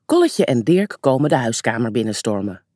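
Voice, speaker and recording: A narrator reading a children's story aloud, with expressive storytelling. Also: mid-range voice, fairly quick, no room sound, clean studio sound.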